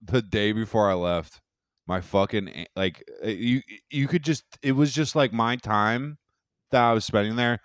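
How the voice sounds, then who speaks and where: Low, smooth-voiced young man rambling. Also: normal speed, no room sound, clean studio sound. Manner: rambling, loose and profane, many restarts. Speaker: podcast co-host. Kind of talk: casual chat.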